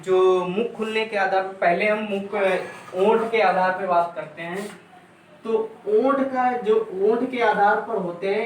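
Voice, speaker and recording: A man's voice: high-pitched, far from the mic. A male teacher giving an exam-prep lecture, repeating points and drilling sounds aloud for his students. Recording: echoey room, voice from afar, faint noise.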